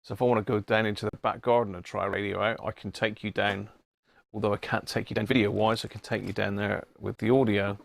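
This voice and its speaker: A middle-aged English host talks fast in a lowish, flat, creaky voice during a casual live stream for his radio hobby channel, rambling and thinking aloud through a demonstration. His wireless body-pack mic delivers clean studio sound with no echo.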